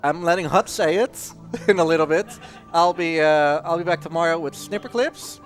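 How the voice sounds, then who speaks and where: At a live gaming marathon event, a speedrunner plays through a video game while offering casual, jokey commentary over the game music. His voice sits fairly high and moves at a normal speed.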